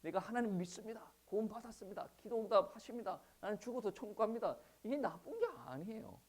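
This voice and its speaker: A male pastor with a Gyeongsang Korean accent preaches at a church service, putting rhetorical questions to the congregation and pausing on "eo" fillers. His voice is high and expressive.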